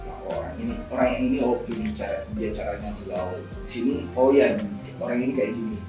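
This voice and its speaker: With a lowish, brisk voice, a young man from Indonesia tells stories as an interview guest and scholarship alumnus on an informal talk show, explaining things conversationally and often repeating phrases. The recording comes from a distant mic in a very echoey room, with music in the background.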